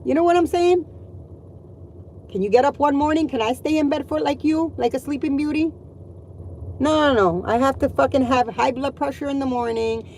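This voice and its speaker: Middle-aged mom vlogger, slightly high voice, blunt and foul-mouthed, exasperated rant; faint background hum. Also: female voice, fairly quick, darkish tone, rough recording. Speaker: mother venting to viewers. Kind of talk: ranting vlog monologue.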